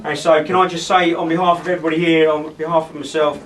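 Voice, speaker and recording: A man giving an informal, halting wedding toast speech, often repeating himself as he addresses the guests. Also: on the high side, flat delivery, a bit bright. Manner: rambling, halting, repeats phrases. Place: wedding reception, speaking to gathered guests. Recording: distant mic in a noisy room.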